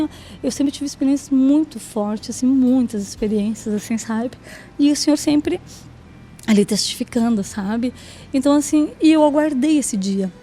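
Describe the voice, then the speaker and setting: A woman's voice: sits high, dark tone, a little hiss or hum. A woman giving a personal faith testimony in a chatty way, often acting out what people said and tagging her sentences with little questions. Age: adult, mother of two daughters. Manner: chatty, acts out quoted dialogue, frequent "né?" and "sabe?".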